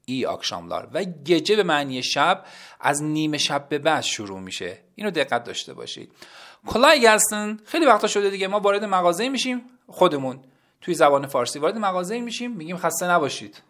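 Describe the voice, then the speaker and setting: A man teaching an audio language lesson, talking directly to his listeners and slowly repeating each word for them. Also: fairly high pitch. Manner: lively, addresses listeners as kids, repeats words slowly.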